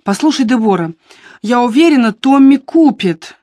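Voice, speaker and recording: A composed, well-bred lady from an audiobook, as a woman reader voices her. Her speech is measured and soothing, in a dry, close recording. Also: on the high side, expressive, dark tone, no echo, pitched above the performer's own voice. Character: calm upper-class lady, reassuring friend. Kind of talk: audiobook character reading.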